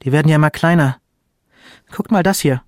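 A furious mother snaps at her sons in a sharp, accusing voice pitched well above the reader's own, as a man reads her lines. Her scolding is close and dry, with no room sound. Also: brisk, dry recording, natural voice.

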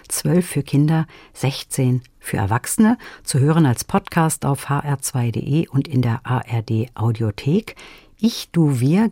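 A male radio host who thanks his guest and announces where listeners can find the podcasts, friendly and clear. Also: a little high, dark tone, no echo, studio quality. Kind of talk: radio interview.

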